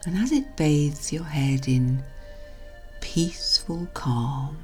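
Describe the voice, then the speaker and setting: A woman hypnotherapist narrating a guided relaxation in a soothing, hushed delivery that trails softly toward a whisper. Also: sits low, animated, takes it slowly. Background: music.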